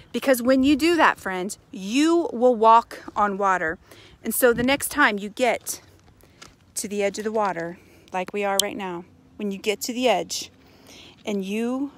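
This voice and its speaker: High-voiced American woman, earnest vlogger. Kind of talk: casual motivational vlog talk. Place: outdoors on a residential path by a pond. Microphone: phone at arm's length. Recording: faint outdoor background noise.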